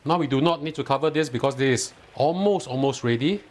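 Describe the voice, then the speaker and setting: Here a man narrates a cooking tutorial from a home kitchen, speaking fairly quickly in a mid-range voice with a Singaporean English accent. He leads viewers through the recipe step by step, instructive and lightly enthusiastic.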